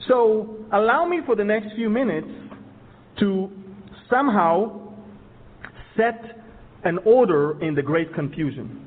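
Israeli-born guy preaching, gets loud and emphatic, thin phone-like audio, long reverb. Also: high-pitched, expressive, slow, long pauses. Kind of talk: sermon on Bible prophecy. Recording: tinny phone-like sound with long hall reverb.

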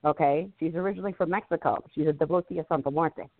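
A woman's voice: low voice, fast. A woman hosting a spiritual talk radio show, chatting casually with a guest, laughing often and dropping affectionate asides. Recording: dry tinny phone-line sound.

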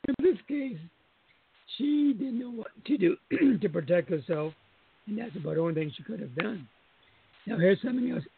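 A man with a fairly high voice and a gravelly edge calls in to share a reflective personal story. He is losing his voice, and he comes through a dry, tinny phone line. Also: expressive, a little fast, a little hiss or hum. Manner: reflective, chuckling as he recalls. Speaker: caller. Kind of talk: personal testimony.

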